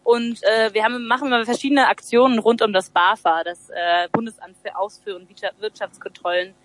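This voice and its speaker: A woman's voice: mid-range voice, fairly even intonation, brisk, no room sound. A woman in her twenties from Germany, an activist guest explaining earnestly with frequent hesitations over a phone call. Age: 20s. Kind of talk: interview answers.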